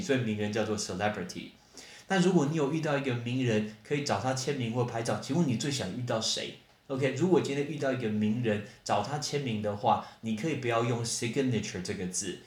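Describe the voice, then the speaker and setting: A man's voice: mid-range voice, echoey room. Chatty man teaching English words. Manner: chatty, animated, spells words out letter by letter. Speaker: English teacher podcast host. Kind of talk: casual vocabulary lesson.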